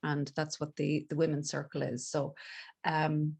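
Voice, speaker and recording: Middle-aged woman, west of Ireland accent, lowish voice, candid informal podcast guest, reflective conversational talk. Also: monotone, a little slow, creaky, darkish tone, husky. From Galway, west of Ireland. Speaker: podcast guest, life coach. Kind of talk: casual reflective interview talk.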